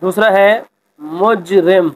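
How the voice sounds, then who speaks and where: A man teaching a school lesson, explaining a textbook exercise and reading example sentences slowly with expression. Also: high voice, steady tone, rough recording.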